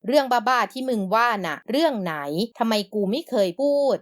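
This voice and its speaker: A woman voicing a blunt, deadpan young man who teases and bosses his lover with crude, flat talk. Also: extremely high pitch, brisk, no echo, studio quality.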